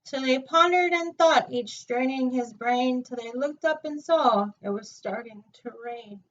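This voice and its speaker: A woman reading a children's picture book aloud with an expressive, singsong delivery, in a dull, distant recording. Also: sits high, a little slow. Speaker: storytime reader.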